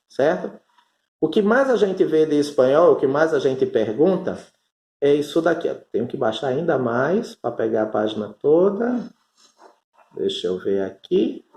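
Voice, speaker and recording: Northeastern Brazilian accent, teacher explaining a lesson, mellow voice, slow and patient, echoey room. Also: mid-range voice. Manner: explains patiently, stretching out Spanish terms. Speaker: Spanish teacher. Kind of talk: online class explanation. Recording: roomy echo.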